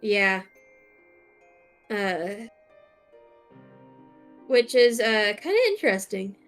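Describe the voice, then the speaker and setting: A young American woman streams a game and chats casually, hesitating often with lots of fillers and restarts. Her mid-range voice is a little bright and extremely slow, with soft music playing in the background.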